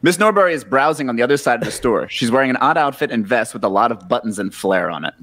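A man's voice: medium pitch, expressive, quick pace, a bit bright. A man hosting a comedic script reading, narrating stage directions dryly. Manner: dry narration, breaking into laughs.

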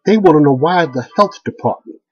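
A middle-aged man, a video blogger, rants heatedly into a close-range webcam from a small room, stammering, restarting and repeating himself. His voice sits on the high side and is expressive, a little fast, darkish and breathy at the edges. The webcam audio is dull and lo-fi.

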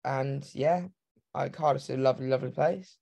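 A man's voice: mid-range voice, moderate pace, vocal fry, mellow, muffled recording. A man in his twenties who grew up in Hong Kong, a runner speaking on a video call, eager and rambling. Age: 20s. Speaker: guest, professional runner. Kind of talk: casual interview. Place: home room. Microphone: video call webcam.

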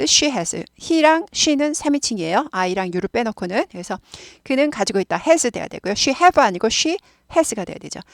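A woman's voice: a little high, no echo, clean studio sound. A middle-aged woman teaching an English lesson, patiently repeating each word for students to copy. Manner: patient, repeats words for drilling.

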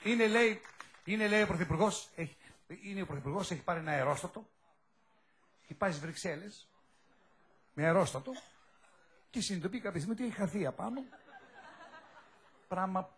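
A man's voice: sits high, animated, pauses often, fairly bright tone. A man hosting a satirical news show, mocking politicians in a chuckling monologue. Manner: mocking, chuckling asides to the audience; talks down to others in mock sympathy.

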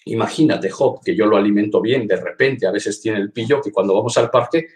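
A man's voice: lowish voice, brisk, darkish tone. A man working as a veterinarian, reading out viewer questions on a live stream and answering them in a casual, direct way, often repeating words and saying "eh" and "te digo".

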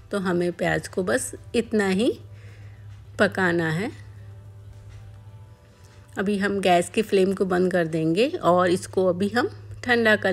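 A woman calmly narrating a home cooking tutorial step by step as a voice-over. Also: lowish voice. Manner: calm step-by-step explaining. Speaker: cooking channel host.

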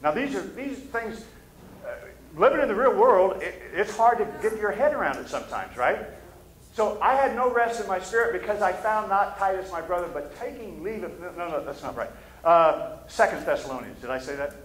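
An animated, high-pitched and somewhat bright middle-aged man preaches fairly quickly in a Midwestern American accent. He keeps the sermon casual and conversational behind the pulpit, seeking the room's agreement. Slight background noise joins the echo of the church sanctuary.

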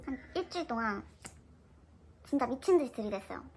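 A woman's voice: on the high side, fairly quick, slight background noise, low-quality recording. Chatty young woman telling a story. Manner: chatty, animated retelling of her own story. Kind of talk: casual storytime narration.

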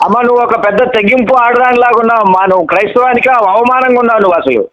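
Male pastor caller, scolding and preachy, very high-pitched, muffled lo-fi phone sound. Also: rapid-fire, fairly bright tone. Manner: scolding, preachy, keeps repeating "amma". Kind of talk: heated phone-in debate.

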